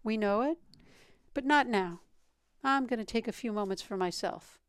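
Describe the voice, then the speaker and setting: A woman leading a guided meditation as a teacher, speaking in a calm, meditative tone with a smooth, clear voice. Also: on the high side, normal speed, no echo, clean studio sound.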